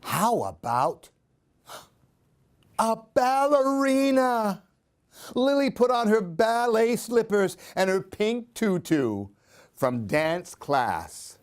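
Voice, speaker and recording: This storyteller at a library program reads picture books with a high-pitched, sing-song voice, going slowly. He brings expression to the children's story and asks the young listeners questions.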